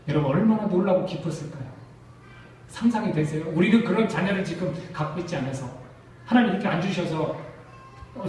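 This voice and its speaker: A man's voice: on the high side, a little mellow, a little hiss or hum. A Korean man preaching a sermon to his congregation, emphatic and full of rhetorical questions. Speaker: pastor. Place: church sanctuary. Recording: echoey church hall, distant mic.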